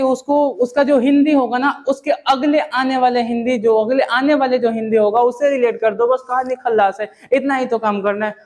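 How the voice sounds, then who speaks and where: A man teaching English pronunciation, casually drilling his class with repeated questions. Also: very high-pitched. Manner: repetitive, drilling students with questions; casual, says "yaar" and "bhai". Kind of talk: classroom lesson.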